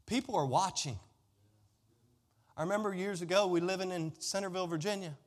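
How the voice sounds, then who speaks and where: Talking a little fast in a high-pitched voice, a middle-aged American pastor delivers a sermon. He keeps it conversational and emphatic, leaning on stories, repeated lines and rhetorical questions.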